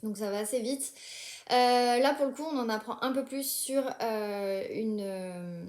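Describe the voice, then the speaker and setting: A woman's voice: a little high, measured pace, darkish tone, roomy sound. A young woman talking casually about books she is reading, hesitant, with many fillers and restarts. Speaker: book vlogger.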